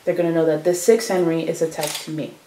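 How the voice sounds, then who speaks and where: A woman's voice: sits low, fairly even intonation, fast talker, warm tone, roomy sound, a little hiss or hum, low-quality recording. A young woman from Chicago telling her story in a casual oral history interview, full of fillers and quoted dialogue. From Chicago, United States.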